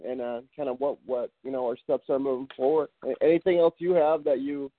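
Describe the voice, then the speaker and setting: A man talking on a phone call over speakerphone, halting with many fillers, as a podcast guest. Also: medium pitch, steady tone. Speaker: podcast guest, veteran business owner. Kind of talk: casual interview chat. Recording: tinny dry phone line.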